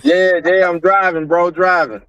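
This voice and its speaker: A man's voice: sits high, fairly even intonation, unhurried, a bit bright, clear, resonant tone, dry recording, dull audio, faint music behind. A man co-hosting a casual chat while calling in by phone from his car, laid back and answering with short backing replies. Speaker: co-host.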